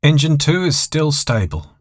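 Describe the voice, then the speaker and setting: A man's voice: fairly high pitch, very animated, unhurried, dry recording, clean studio sound, pitched above the performer's own voice. A man voicing a protective, nervous male co-pilot in an audio thriller story, eager, alert and urgent.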